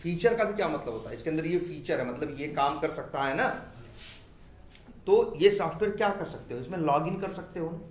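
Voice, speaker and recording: A man's voice: on the high side, lively intonation, brisk, slight background noise. A male instructor giving a classroom lecture, asking his students questions, answering them himself and repeating key terms. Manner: mixes English technical terms into Hindi. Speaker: software testing instructor. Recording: echoey room.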